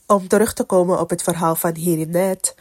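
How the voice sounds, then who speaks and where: A woman with a slightly low voice, thickened by a head cold and a stuffy nose. She hosts a podcast on her own, speaking conversationally and reflectively, as if telling a personal story. The sound is dry and close, with very little room around it. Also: fairly even intonation, normal speed, a little mellow, no echo. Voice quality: stuffy nose, congested nasal voice. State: has a cold. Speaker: podcast host. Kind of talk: casual solo podcast talk with personal faith reflection.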